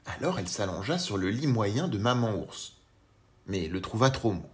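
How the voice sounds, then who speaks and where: Give me a man reading a children's fairy tale aloud with a lively, sing-song voice. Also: fairly low pitch, normal speed, a little hiss or hum. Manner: expressive, animated storytelling. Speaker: storyteller. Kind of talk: children's audiobook narration.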